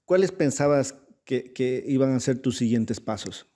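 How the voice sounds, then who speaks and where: A man hosts a relaxed interview, asking open questions and often nodding along with short replies. His voice is mid-pitched and warm. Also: measured pace. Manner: gives frequent short listening replies.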